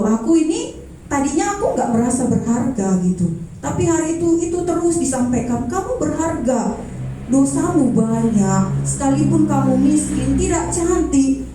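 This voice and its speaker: A woman's voice: high-pitched, background noise. A woman in her thirties from North Sumatra giving an earnest personal testimony at a church service. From North Sumatra, Indonesia. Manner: earnest, heartfelt storytelling with quoted prayers. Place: church hall. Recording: very echoey hall, from far off.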